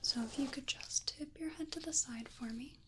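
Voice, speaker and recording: A woman in a whispered role-play as an ear-exam clinician, speaking in a soft, breathy whisper with a gentle, reassuring manner. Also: sits high, heavy background noise. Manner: gentle, unhurried, reassuring explaining. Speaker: ASMR performer playing an ear-exam clinician.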